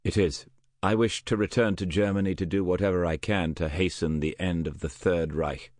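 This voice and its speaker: A man's voice: low voice, fairly even intonation, moderate pace, darkish tone, no echo, clean studio sound, lightly acted. A man voicing an earnest, careful German officer who has defected, answering questions politely in an audiobook. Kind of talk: audiobook character voice.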